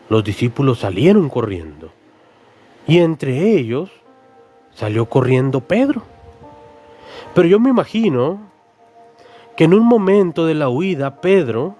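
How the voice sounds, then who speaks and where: A male preacher telling a story in a sermon, imagining the scene aloud and speaking directly to his listeners as family. His voice sits at a medium pitch, and faint music plays behind him. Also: darkish tone. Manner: storytelling, addresses listeners as brothers.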